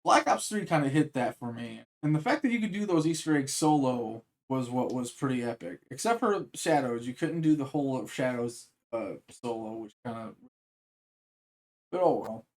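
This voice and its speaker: A man's voice: medium pitch, expressive, moderate pace. A man rambling casually as he sets up a reaction to a video, with many fillers and restarts. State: hiccups. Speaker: reaction streamer.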